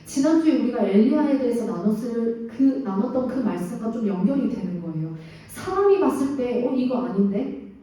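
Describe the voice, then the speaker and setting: A woman preacher giving an animated children's sermon who speaks directly to the kids and acts out the quotes she tells, heard from a distance in an echoey room. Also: a little high, fairly quick, hardly any pauses.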